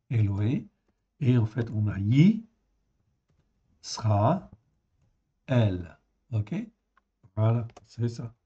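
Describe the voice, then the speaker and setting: A man's voice: fairly low pitch, mellow, slightly rough, dull audio. A man giving a Bible study lesson, explaining word by word and checking in with "ok?" as he goes. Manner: slow and explanatory, with frequent "en fait" and "ok?". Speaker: Bible teacher.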